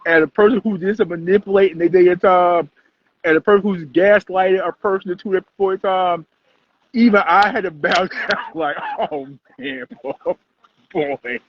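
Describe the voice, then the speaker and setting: A man's voice: high-pitched, brisk, slight background noise. Man, host, casual livestream recap, rambling, lots of fillers, dull lo-fi audio. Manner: rambling, animated, heavy use of "like".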